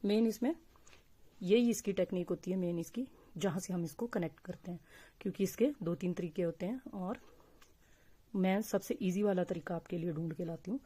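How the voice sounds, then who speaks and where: A woman teaching crochet step by step, speaking slowly and patiently and counting stitches aloud. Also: on the low side, dark tone. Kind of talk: step-by-step crafting tutorial.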